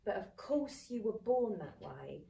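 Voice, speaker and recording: Speaking at a measured pace with some vocal fry, this medium-pitched woman in her thirties co-hosts a relaxed podcast conversation. She's animated and performs other people's quoted lines, though she's recorded from afar, off-mic in a room with echo.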